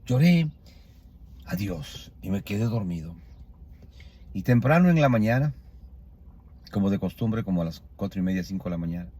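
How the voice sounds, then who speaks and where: A man preaching a sermon, telling a personal testimony in an emotional, soft and intimate way. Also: on the low side, lively intonation, normal speed, long pauses, slightly rough.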